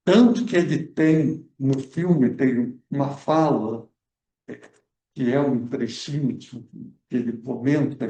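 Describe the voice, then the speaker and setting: A man speaking as a guest researcher at a film club debate lays out history haltingly, with frequent fillers and restarts. His mid-range voice is slow and dark-toned, recorded far from the mic in an echoey cultural center event room.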